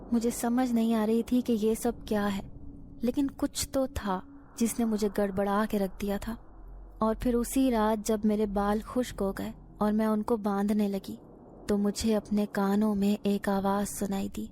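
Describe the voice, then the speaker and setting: Woman storyteller for a first-person horror reading, warm tone, fairly high pitch, steady delivery. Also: slight background noise. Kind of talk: scripted horror narration.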